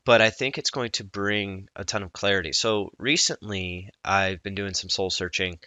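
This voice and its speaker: A man speaking as a coach in a personal vlog, earnest and reflective, often halting mid-thought. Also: deep voice, bright, forceful tone, clean tone, dry recording.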